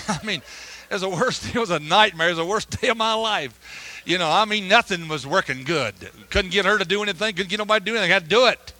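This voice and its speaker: A preacher with a high, bright, sharp voice tells a rambling, colloquial story from the pulpit. He breaks into sudden loud shouts, and his grammar stays homespun. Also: fast. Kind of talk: folksy testimony sermon.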